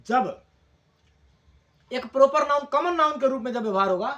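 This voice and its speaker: A man teaching English grammar, explaining slowly in Hindi and repeating key words for his class. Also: very high-pitched, animated, a bit bright, reverberant, dull audio.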